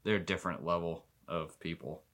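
A man's voice: low-pitched, fairly even intonation, a little fast, a bit bright. A young man co-hosting a podcast in casual chat, laid-back and joking. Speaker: podcast co-host.

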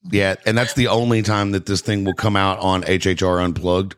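A man's voice: low voice, level tone, normal speed, smooth, dry recording, clean studio sound. A man hosting a podcast, laid-back and joking in casual chat. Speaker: podcast host.

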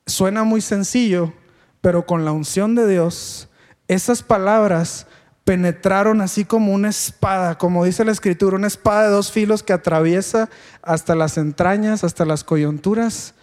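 A man telling his testimony in a sermon, animated and asking the congregation questions. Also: high voice, moderate pace, long reverb tail. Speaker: preacher giving his testimony.

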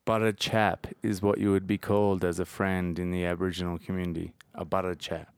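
Blokey, laconic Australian man, low-pitched. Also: level tone, fairly quick, a little mellow, clear, resonant tone. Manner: laconic, dry, blokey Aussie slang. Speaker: podcast guest. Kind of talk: casual comedic chat.

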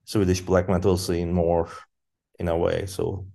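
A man, a podcast guest speaking English as an in halting casual talk with many fillers. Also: sits low, level tone, creaky, dark tone. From Turkey. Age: 30s. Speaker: guest musician. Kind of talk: casual interview chat.

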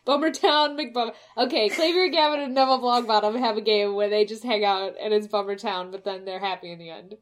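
A woman's voice: mid-range voice, steady tone, brisk, hardly any pauses. A woman with a Midwestern American accent co-hosting a podcast in casual chat, laughing often and swearing casually. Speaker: podcast co-host.

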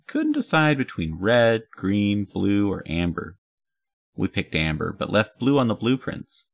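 A man's voice: lowish voice, sing-song, a little slow, creaky, pitched above the performer's own voice, heavily acted. A man reading the lines of a confident superhero woman with a dry, teasing manner.

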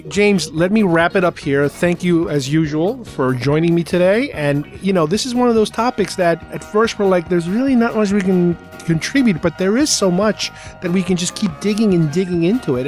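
A man hosting a podcast with casual, rambling hobbyist commentary. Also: a little high. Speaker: podcast host.

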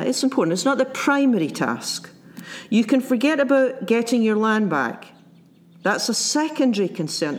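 A man preaching a sermon, reflective and unhurried, often repeating his key phrases for emphasis. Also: very high-pitched. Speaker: pastor.

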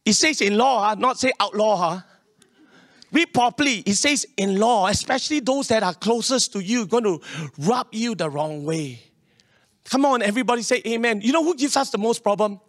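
A man's voice: high voice, normal speed, no room sound, clean studio sound. A man with a Singaporean accent preaching a sermon in colloquial Singlish, emphatic and repetitive, telling personal stories and seeking responses from his listeners. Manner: colloquial Singlish with particles like leh, eh and huh; emphatic, repeats phrases and seeks audience response. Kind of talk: sermon with personal anecdotes to a congregation.

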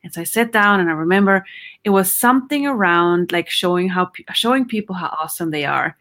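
A middle-aged woman from Austria speaks as an interview guest. Her voice is bright and clear, and she talks animatedly, laughing often and pausing to search for words. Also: on the low side, expressive. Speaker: psychologist guest. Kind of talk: conversational interview.

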